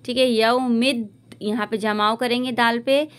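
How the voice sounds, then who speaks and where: A woman teacher giving a recitation lesson to women, patiently modeling each word slowly and repeating it. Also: a little high, fairly even intonation.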